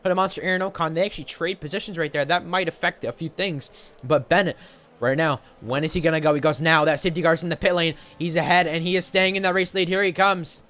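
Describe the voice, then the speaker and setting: A man's voice: on the high side, fairly even intonation, fast talker, fairly bright tone. A man commentating live on sim racing, calling the action play by play as a motorsport commentator.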